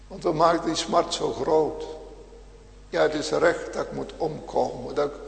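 A man preaching a sermon as pastor, in a slow, swelling cadence with repeated phrases. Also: on the high side, steady tone, gravelly. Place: large church hall. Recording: echoey church, long reverb.

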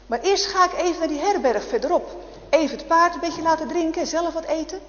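A woman's voice: very high-pitched, brisk, fairly bright tone, echoey room, in a large hall, dull audio, voice pushed up. A woman voicing an easygoing male merchant who offers a ride. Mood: friendly. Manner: friendly, obliging.

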